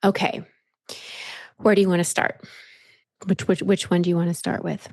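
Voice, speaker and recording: Calm, gravelly-voiced female coach. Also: fairly low pitch, normal speed, no room sound, studio quality. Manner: calm, explains patiently with repeated phrases. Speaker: life coach. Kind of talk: coaching session.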